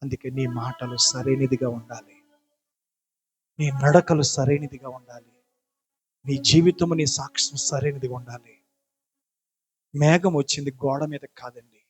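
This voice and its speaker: A man's voice: medium pitch, measured pace, pauses often, poor audio. Impassioned male pastor preaching. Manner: impassioned preaching, swelling to loud repeated pleas. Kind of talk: sermon and prayer. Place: church.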